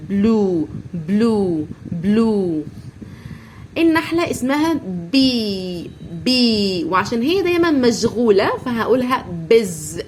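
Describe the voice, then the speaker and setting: A woman's voice: on the high side, a little hiss or hum. A woman with an Egyptian Arabic accent teaching an English lesson to young children, stretching out and repeating each word again and again. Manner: slow, drawn-out drilling of each word, repeating sounds many times.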